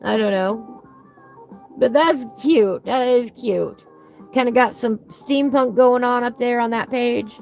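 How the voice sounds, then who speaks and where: A woman's voice: on the high side, takes it slowly, creaky, a little mellow, faint music behind. Woman with whistling S sounds. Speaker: host of a coloring book channel. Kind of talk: casual live chat while flipping through a book.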